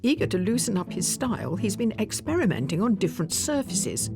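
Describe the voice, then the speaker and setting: A woman's voice: medium pitch, sing-song, a little fast, gravelly, over music. A woman reading scripted voice-over narration introducing artists and sitters.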